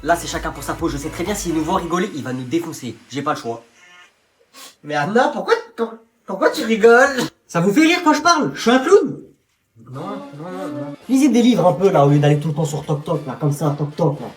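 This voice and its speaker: A woman's voice: low-pitched, animated, fast talker, hardly any pauses, dark tone, faint music behind. A hot-tempered father played by a woman barks and scolds, his voice rising and falling a lot. The tone is sarcastic and indignant. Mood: scolding. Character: strict shouting father of teenagers.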